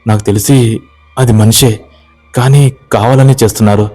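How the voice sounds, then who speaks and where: A man voicing a stubborn young village husband who shouts and demands answers in a horror story. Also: fairly low pitch, fairly even intonation, normal speed, faint music behind, close to an everyday voice. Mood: shouting, demanding.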